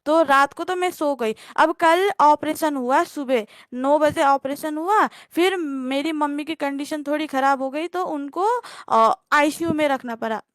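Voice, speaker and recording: A woman's voice: high voice, unhurried, no room sound, studio quality. A young woman telling her story on a livestream call, rambling and hesitant, with many fillers and restarts.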